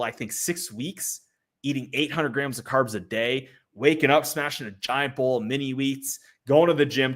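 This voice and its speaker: A man hosts a livestream in a relaxed, chatty way. His voice is bright and forward at an ordinary pitch. He talks loosely, filling gaps with "like" and breaking into laughing asides. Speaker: livestream host. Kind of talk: casual livestream commentary. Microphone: streaming setup.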